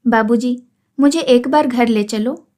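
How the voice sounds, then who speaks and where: A woman's voice: fairly high pitch, a little slow, a little mellow, natural voice. Woman voicing a sad young daughter pleading.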